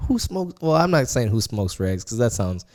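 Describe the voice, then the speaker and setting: Mid-range, sing-song and slightly mellow, this twentysomething podcast host talks at a moderate pace. The casual chat wanders, full of fillers and words he repeats.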